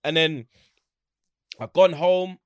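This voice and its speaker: A man's voice: fairly high pitch, slow pace, clear, resonant tone, no room sound. London roadman man, dry close sound. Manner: London roadman street slang; animated storytelling, acts out quoted exchanges. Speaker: interview guest, football fan. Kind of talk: casual anecdotal chat.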